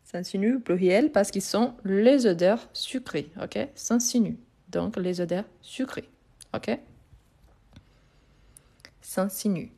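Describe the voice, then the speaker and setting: Woman, teacher, live online lesson, slow deliberate delivery, repeats and spells words. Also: mid-range voice, creaky, dark tone, slightly rough. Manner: repeats and spells out words slowly, answers viewers' chat. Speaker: French teacher.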